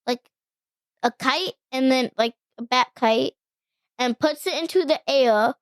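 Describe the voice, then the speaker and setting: High-voiced woman rambling eagerly. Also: measured pace, clean tone, dry recording. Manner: eager, rambling, with many likes and restarts. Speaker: podcast guest. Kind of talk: casual movie recap chat.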